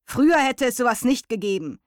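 Stern old stag beetle as a woman puts him on, raised and loud, storybook voice, dry sound. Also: on the high side, sing-song, brisk, no echo, pitched above the performer's own voice. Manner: stern scolding, then sheepish. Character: strict old male stag beetle, grumpy.

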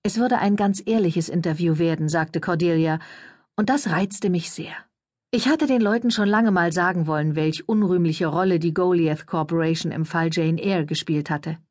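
A woman's voice: fairly low pitch, moderate pace, darkish tone, no echo. Woman narrating an audiobook, dry sound. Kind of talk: first-person audiobook narration.

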